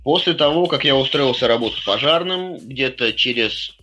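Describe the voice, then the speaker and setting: A middle-aged man talking casually as an interview guest, explaining himself in a halting, stop-and-start way. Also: mid-range voice, expressive. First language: Russian. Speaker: interview guest, firefighter-rescuer and CrossFit coach. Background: music.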